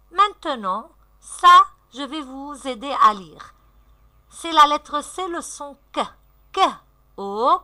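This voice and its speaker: A woman teacher gives a recorded reading lesson to young children, sounding out syllables slowly and clearly in a sing-song way. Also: sits high, bright, forceful tone. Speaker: primary school teacher.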